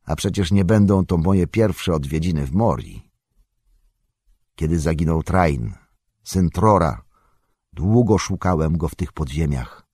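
A man voicing a grave, commanding old male wizard in an audiobook, speaking in a husky, measured, solemn way. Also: low voice, expressive, a little mellow, no echo, studio quality, full character voice. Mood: resolute. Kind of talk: audiobook character reading.

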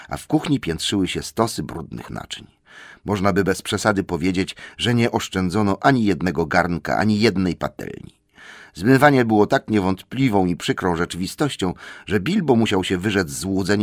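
A male audiobook narrator with a very low voice who tells the story in a measured way. His intonation rises and falls widely. The recording is dry and close. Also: no echo.

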